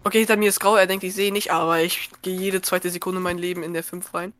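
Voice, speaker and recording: A young gamer chatting casually and excitably, full of slang, with the voice jumping up when surprised. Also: fast talker. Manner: excitable, slangy, jumps up in pitch. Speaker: gamer and podcaster. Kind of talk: casual gaming chat.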